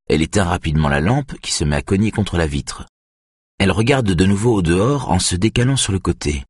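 A man narrating an audiobook thriller in a steady, measured way. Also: lowish voice, breathy edge, dry recording, clean studio sound.

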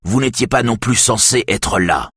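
A man voicing a strict middle-aged male police chief who speaks firmly and loudly. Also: expressive, normal speed, breathy edge, dry recording, clean studio sound, exaggerated voice. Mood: stern. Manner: strict, booming.

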